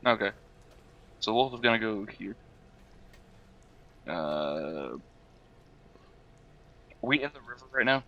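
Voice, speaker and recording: A man's voice: fairly low pitch, expressive, takes it slowly, pauses often, dull audio. A man playing a tabletop game over an online call, hesitant and full of fillers. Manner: hesitant, filler-heavy, sheepish. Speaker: player. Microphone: online call microphone.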